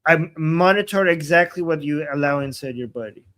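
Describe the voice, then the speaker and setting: A man's voice: fairly high pitch, a little fast, fairly bright tone. A man in his forties co-hosting a casual live stream, playful and rambling, laughing easily as he gives advice. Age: 40s.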